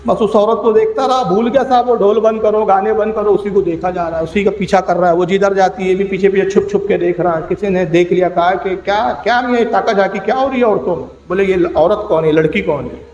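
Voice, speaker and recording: A man's voice: high-pitched, steady tone, hardly any pauses, darkish tone, highs cut off. A man with a Pakistani accent preaching an emotional storytelling sermon, acting out the voices of the people in his story. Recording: echoey hall with faint hum.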